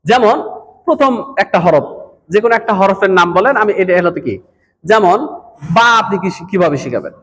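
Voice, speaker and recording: A man's voice: high voice, expressive, fairly quick, fairly bright tone, breathy edge. A man, training madrasa teachers in a lecture and repeatedly quizzing his audience. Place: madrasa hall. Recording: echoey hall with long reverb.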